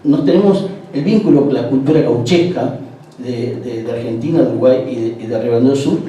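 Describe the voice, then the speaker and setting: A man's voice: medium pitch, a little fast, mellow. A man telling anecdotes to an audience at a tango event, with many hesitations, heard from a distance. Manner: anecdotal, acts out quoted dialogue, many hesitations. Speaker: guest speaker at a tango event. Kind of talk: storytelling talk to an audience. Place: event hall. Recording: distant, very echoey hall, faint background noise.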